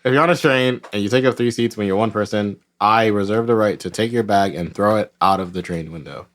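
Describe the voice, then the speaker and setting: A man with a fairly low voice chats and jokes with friends before a tabletop session. He rants in mock outrage and swears without a second thought. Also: a little fast. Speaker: podcast host. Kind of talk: casual banter before a tabletop game.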